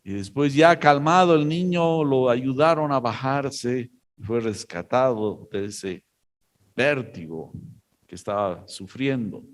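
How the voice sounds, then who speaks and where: A man preaching a sermon, telling a story in a slow, halting way with many pauses. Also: medium pitch, lively intonation. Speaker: pastor.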